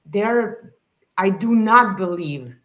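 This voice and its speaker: A woman's voice: mid-range voice, animated, slow pace, a bit bright. A woman from Serbia, speaking as a podcast guest in earnest, casual conversation, often restarting as she searches for words.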